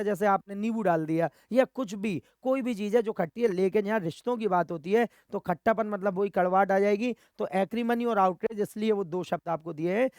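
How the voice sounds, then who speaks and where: A man's voice: sits high, smooth, no echo, studio quality. A man with an Indian accent teaching exam vocabulary, drilling words by repeating them and answering his own questions. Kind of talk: Hindi-English vocabulary lesson.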